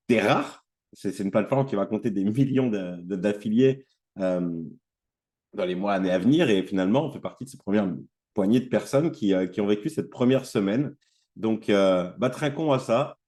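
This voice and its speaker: A man's voice: fairly low pitch, normal speed, darkish tone. A man with a sore throat giving a casual online training presentation, hesitant and full of fillers and restarts. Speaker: trainer presenting an affiliate platform.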